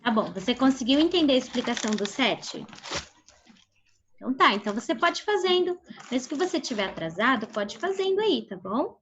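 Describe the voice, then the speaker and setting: A woman teaching a primary school class online with a Brazilian Portuguese accent. She speaks patiently, checks in with the class often, and stretches out syllables slowly when modeling words. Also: high-pitched, big pitch swings, fairly bright tone, slight background noise. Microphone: video call. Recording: dull lo-fi video call audio.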